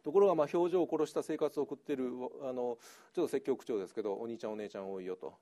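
A man's voice: medium pitch, racing. A middle-aged man, an English teacher giving a chatty lecture that is full of laughter. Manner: lively, chatty, laughs often, slips into Kansai dialect. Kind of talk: lecture to an audience.

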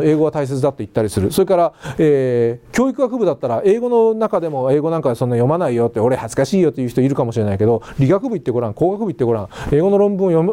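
A man's voice: a little high, mellow. A middle-aged man lecturing on English education in a chatty classroom style, often asking the class rhetorical questions.

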